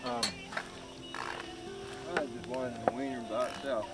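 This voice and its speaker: A man's voice: medium pitch, steady tone, unhurried, loud music behind the voice. A man, casually hosting an outdoor vlog at a campsite, chatting to the camera and friends. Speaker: vlog host.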